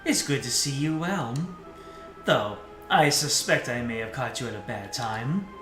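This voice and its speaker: A man voicing a menacing male villain in a low, courtly demon voice while playing a game. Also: animated, a little slow, reverberant, music in the background, close to an everyday voice.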